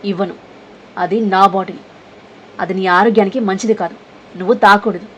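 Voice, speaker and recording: A woman's voice: mid-range voice, fairly even intonation, moderate pace, slight background noise, close to an everyday voice, poor audio. A woman voicing a headstrong young woman who scolds sharply, in a storybook reading. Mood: scolding.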